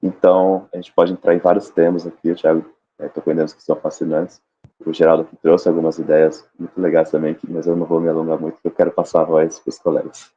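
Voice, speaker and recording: A man's voice: rumbling low, completely flat delivery, quick pace, mellow, slight background noise. A man on a live panel explaining sales techniques, acting out short seller and client exchanges as he goes. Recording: dull lo-fi stream audio.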